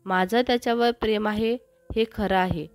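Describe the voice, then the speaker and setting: A woman's voice: medium pitch, fairly even intonation, normal speed, dry recording, faint music behind, close to an everyday voice. Shy young woman, hesitant and pleading, read by a woman; dry sound.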